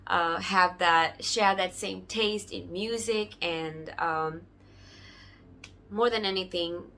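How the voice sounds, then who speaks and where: A young woman from Sri Lanka, a singer-songwriter, speaking casually to camera in a warm, grateful way. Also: lowish voice, slow, a little hiss or hum. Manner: warm, grateful, often laughing softly.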